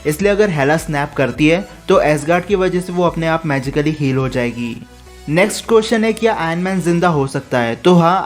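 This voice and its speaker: Brisk explaining man, slightly high voice. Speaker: YouTube explainer host. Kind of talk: scripted Q&A explainer narration.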